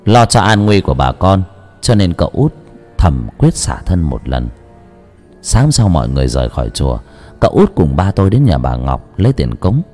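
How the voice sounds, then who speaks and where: Deep-voiced male horror storyteller. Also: very animated, normal speed, warm tone, faint music behind. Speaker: narrator.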